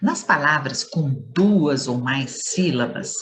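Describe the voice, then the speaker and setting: Slow, low-voiced woman teacher. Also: expressive. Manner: playful, stretches words and stresses syllables. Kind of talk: scripted lesson to schoolchildren.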